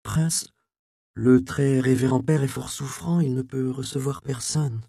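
A deferent young monk who answers politely and a little nervously, a bit higher than the reader's own voice, as a male narrator puts him on. The gravelly texture stays, and it is recorded dry. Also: a little slow, dark tone, no echo.

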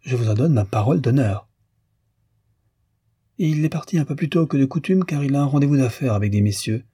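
A man's voice: medium pitch, lively intonation, brisk, mellow, husky, dry recording, pitched above the performer's own voice. A man voicing an obsequious shopkeeper in a storybook reading, insistently reassuring and reeling off directions. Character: obsequious, insistent lemonade-shop owner, middle-aged man.

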